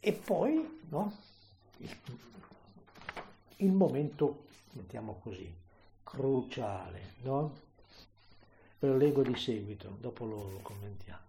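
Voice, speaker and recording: A man preaching a slow, reflective sermon, often adding tag questions and rising to impassioned emphasis. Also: mid-range voice, lively intonation, gravelly, dark tone, a little hiss or hum. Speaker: priest.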